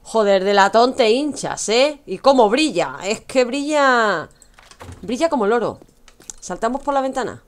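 Streaming a game, this young Spanish woman keeps up casual commentary, laughing a lot, teasing viewers, and talking to chat in her Spain accent. She speaks unhurriedly in a slightly high voice with lively intonation.

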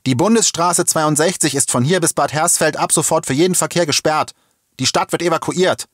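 A man voicing a stern policeman who shouts orders through a megaphone, in a story reading. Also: fairly high pitch, a little fast, no room sound, studio quality, pitched above the performer's own voice. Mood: commanding. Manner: barked commands, loud.

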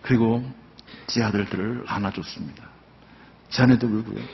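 A man's voice: lowish voice, steady tone, normal speed, vocal fry, a little hiss or hum. Older man's heartfelt church testimony. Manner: earnest, heartfelt storytelling. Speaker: church elder giving testimony. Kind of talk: personal testimony at a dawn prayer service. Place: church sanctuary. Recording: dull sound with long hall reverb.

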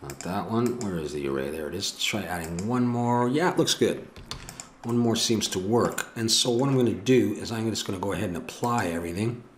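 A middle-aged man with an Ottawa Valley Canadian accent sits at his desk in a home room, working through a 3D modeling tutorial. He muses aloud and corrects himself as he goes, talking to himself in a lowish voice at a slightly fast pace. There's slight background noise.

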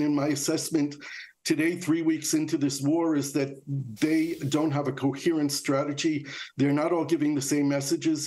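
A man's voice: a little high, a little mellow. A man in his sixties giving analysis in a news interview over a video call from his home office. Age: 60s. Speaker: interviewed Middle East negotiator.

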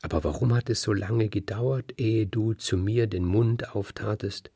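A man's voice: fairly low pitch, unhurried, mellow, husky, no room sound, studio quality. A man voicing a lonely, simple-hearted young man in a fairy tale, speaking eagerly and from the heart. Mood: grateful.

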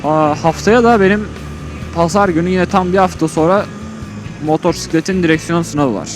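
A fairly high-voiced man speaks from inside a motorcycle helmet while riding. He gives casual, colloquial vlog commentary, rambling as he thinks aloud, with music playing clearly behind him. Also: moderate pace. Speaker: motovlogger. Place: outdoors on a motorcycle on an open road. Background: music, vehicle on the road.

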